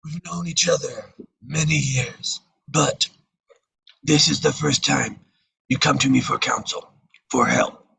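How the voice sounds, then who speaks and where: An actor playing an ageing Italian-American mafia don in a screenplay table read, measured and reproachful, with a husky rasp. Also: male voice, mid-range voice, sharp tone, a little hiss or hum, exaggerated voice, poor audio. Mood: quiet reproach. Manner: slow, deliberate, reproachful.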